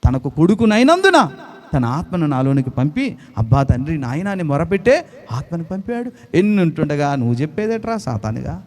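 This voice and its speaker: A middle-aged man with a Telugu accent preaches in church, his voice sitting fairly high and ranging widely. He swings from ringing proclamations down to hushed, confiding passages. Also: very animated, fairly quick. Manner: swings between loud proclaiming and low intimate tones. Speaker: pastor. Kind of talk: sermon.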